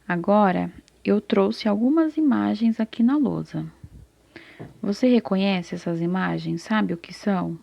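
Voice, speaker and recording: A woman teacher leads a reading lesson for small children and draws out each syllable at an unhurried pace. Her voice is warm and slightly gravelly. The recording sounds a little dull and lo-fi. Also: medium pitch. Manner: slow, patient, repeats syllables, asks and answers her own questions. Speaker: literacy teacher. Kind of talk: slow, patient remedial lesson for first graders. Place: classroom with a whiteboard.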